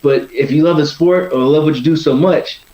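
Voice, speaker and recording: A man's voice: a little high, fairly quick, dark tone. A man chatting casually as a boxer in an interview, rambling and often tagging on "you know". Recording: roomy, dull lo-fi sound.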